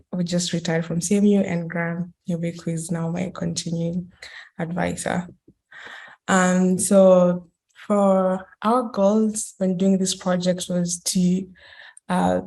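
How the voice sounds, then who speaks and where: Guest speaker, woman in her 20s, from Kenya; low, slow, flat delivery, hesitant. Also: creaky. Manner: hesitant, many fillers and restarts. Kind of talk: online academic talk.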